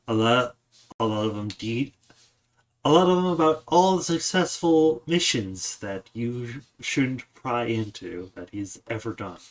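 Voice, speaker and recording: A man's voice: medium pitch, animated, a little slow. A man narrating a tabletop game as game master, describing scenes and often restarting his sentences.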